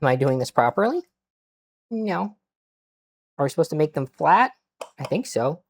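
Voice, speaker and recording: Deadpan man chatting while cooking. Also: a little high, quick pace, a little hiss or hum. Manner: deadpan, self-mocking asides; mutters to himself while working. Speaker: streamer cooking on stream. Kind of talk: casual chat while cooking.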